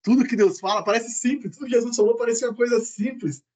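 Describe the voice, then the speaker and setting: A man in a prayer group, chatting and telling a story in an animated way. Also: very high voice, fast. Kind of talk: casual chat.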